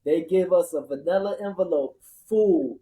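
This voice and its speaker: A man's voice: high voice, moderate pace, mellow, low-quality recording. A man telling his own story in casual conversation as a podcast host, repeating words for emphasis.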